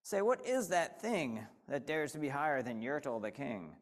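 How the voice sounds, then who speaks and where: A man's voice: medium pitch, big pitch swings, normal speed, lightly acted. A man voicing a pompous, boastful turtle king who bellows his proud declarations in a storybook reading. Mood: blustering.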